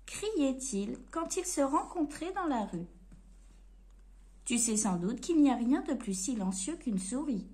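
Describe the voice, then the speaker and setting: A woman reading a storybook aloud to children in an expressive, playful way. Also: sits high, unhurried.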